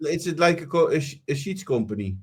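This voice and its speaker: A man's voice: fairly high pitch, animated, fast, breathy edge. Dutch accented guy on a footy podcast, asks questions, cracks jokes. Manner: curious, joking asides. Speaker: podcast co-host. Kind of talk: casual football podcast chat.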